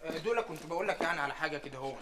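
A man's voice: a little high, expressive, racing, crowd noise, close to an everyday voice. An actor with an Egyptian accent playing a goofy, rambling male friend. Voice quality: rambling, jokey. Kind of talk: sitcom acting.

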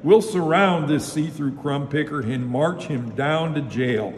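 A man reading aloud and voicing a brisk, commanding male police officer, in an echoey hall. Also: fairly high pitch, lightly acted. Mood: urgent. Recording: echoey hall, faint noise.

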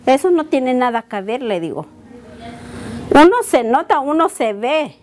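A woman in her thirties from Mexico, a native Mixtec speaker with a Mixtec accent, talking in an interview in an earnest, halting way that often circles back and repeats itself. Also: high-pitched, lively intonation, a little mellow, a little hiss or hum. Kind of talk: casual interview.

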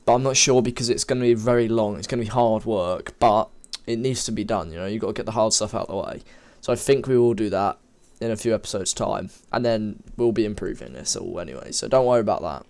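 A game development tutor with a cold talks through a coding tutorial at his computer, his voice lowish, gravelly, a little mellow and slightly sniffly. He speaks fast with hardly any pauses, in an informal, rambling way, often correcting himself as he types. He's recorded on a desk microphone.

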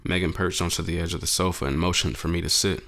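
A man with a very deep, low voice narrates a dramatic short story in the first person. His delivery is measured and brooding, and he reads steadily through emotional scenes. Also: steady tone, creaky, fairly bright tone.

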